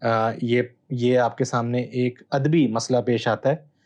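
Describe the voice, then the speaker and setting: A man, a Bible scholar guest, explaining texts in a measured, teacherly way with hesitant pauses. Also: medium pitch, fairly even intonation, a little mellow. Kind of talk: explanatory interview answer.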